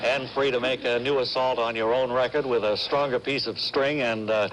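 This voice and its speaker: Hearty sportscaster played by a man for deadpan comedy spoof, glib, grandiose, folksy, medium pitch. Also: normal speed, noisy background, lightly acted. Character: hearty, unflappable male sports radio interviewer.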